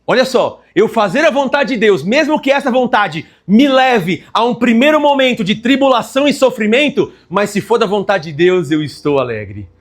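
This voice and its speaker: A pastor preaching a Sunday sermon with emphatic, slow, stressed phrases. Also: male voice, high voice, sing-song.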